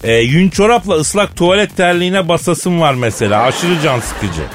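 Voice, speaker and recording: A man co-hosts a radio show, trading casual comic banter that is colloquial, teasing and given to mock indignation. His voice is on the high side, expressive and at normal speed, with music playing behind it as a bed.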